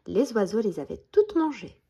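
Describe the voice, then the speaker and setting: A woman reading a bedtime story aloud in a gentle voice that often drops to a half-whisper. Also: fairly high pitch, sing-song, normal speed, breathy edge.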